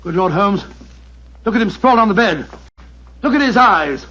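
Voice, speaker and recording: An actor playing a loyal, bluff doctor sidekick in a radio drama, speaking in a hearty, eager way. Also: male voice, high voice, animated, normal speed, bright, forceful tone, exaggerated voice. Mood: shocked. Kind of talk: 1940s radio acting. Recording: dull old radio broadcast.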